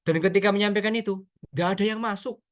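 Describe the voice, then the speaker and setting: A man's voice: high-pitched, fast. Chatty man giving a workshop talk. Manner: chatty, animated, addresses audience directly. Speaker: workshop speaker. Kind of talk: casual online workshop talk.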